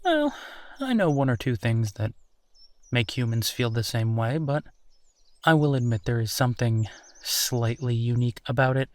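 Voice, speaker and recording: In this intimate roleplay audio, the man plays an easygoing, friendly werewolf boyfriend in human form, lightly acted and contented. He muses in an animated, medium-pitched voice, pausing hesitantly, with no room sound at all.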